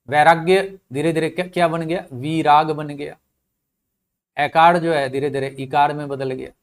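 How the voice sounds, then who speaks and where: A middle-aged man with a clean, slightly high voice gives a classroom lecture on Sanskrit linguistics in Hindi with English terms. He explains step by step, repeats key words, and asks rhetorical questions. He stresses each example word loudly before letting his voice drop.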